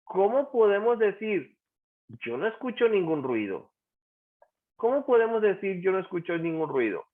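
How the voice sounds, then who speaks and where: A man's voice: high-pitched, sing-song, normal speed. Man teaching over a tinny call. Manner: patient, asks students questions and repeats answers. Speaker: English teacher. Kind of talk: online class, explaining grammar. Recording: tinny phone-like call audio.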